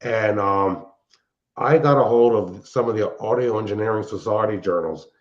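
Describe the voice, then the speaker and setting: This older show host and hobbyist speaks at a normal speed in a fairly low voice, rambling through casual, technical explanations. Audio quality is dull and band-limited.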